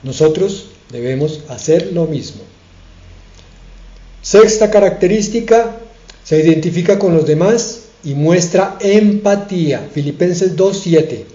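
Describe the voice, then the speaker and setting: A man preaches an earnest sermon with slow, emphatic pauses. His voice sits a little high and sounds mellow. The recording is dull and rings with the echo of a room. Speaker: pastor.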